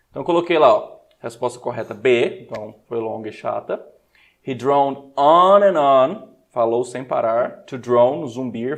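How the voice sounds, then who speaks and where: A man's voice: medium pitch, creaky. A man with a Brazilian accent teaching an English exam prep class live, upbeat and coaxing, switching often between Portuguese and English. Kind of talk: live online class explanation.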